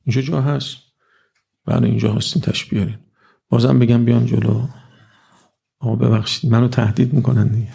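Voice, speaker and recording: A man giving a conversational religious lecture to a live audience, reciting verses slowly and often asking "right?". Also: mid-range voice, steady tone, creaky, dark tone, slightly rough.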